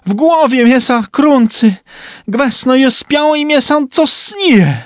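Brief: a man as a bewildered Kashubian man lost in hell, high anxious voice, storybook reading. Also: unhurried, no echo, clean studio sound. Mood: frightened.

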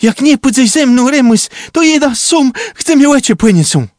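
Shrill pleading old servant voiced by a male storyteller, tinged, close and dry. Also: slow pace, fairly bright tone, clear, resonant tone, no echo, heavily acted. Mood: desperate. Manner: shrill, desperate crying out.

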